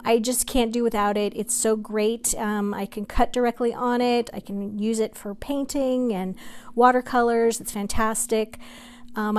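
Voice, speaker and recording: A woman's voice: on the high side, a little mellow, clean tone. A middle-aged woman giving a casual, chatty makeover tour as a vlog host, enthusiastic and gushing to her viewers. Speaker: craft vlogger and host.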